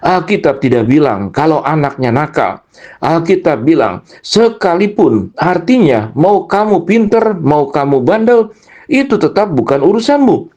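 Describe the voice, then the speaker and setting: A man's voice: fairly high pitch, very animated, moderate pace. Earnest male preacher, lo-fi sound. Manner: earnest, gently encouraging, emphatic. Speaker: youth preacher. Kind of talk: devotional talk to children.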